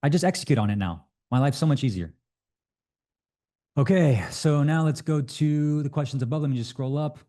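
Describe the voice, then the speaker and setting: Man, webinar host, energetic and salesy, repeats himself, mellow tone. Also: fairly high pitch, moderate pace. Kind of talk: live webinar Q&A.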